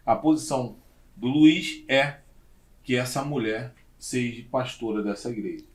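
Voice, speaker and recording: A man hosting and moderating a podcast debate informally, in halting, repeated phrases. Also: medium pitch, a little hiss or hum.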